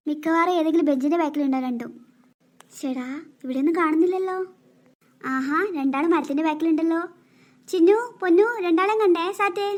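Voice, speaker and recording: A woman voicing a caring older girl, a big sister, in a cartoon, kindly and questioning. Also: very high voice. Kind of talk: cartoon voice acting.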